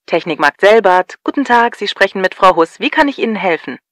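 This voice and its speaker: A woman's voice: medium pitch, animated, a little fast, background noise, lightly acted. A woman playing a polite, businesslike customer service agent at an electronics store in a scripted dialogue. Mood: polite, helpful.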